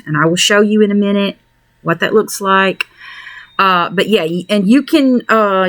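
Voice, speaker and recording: A woman's voice: medium pitch, a bit bright, no echo. Chatty woman with a dry, close sound. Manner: rambling, lots of fillers and restarts. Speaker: vlogger. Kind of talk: casual product review vlog. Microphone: camera mic, wearing a fan respirator mask.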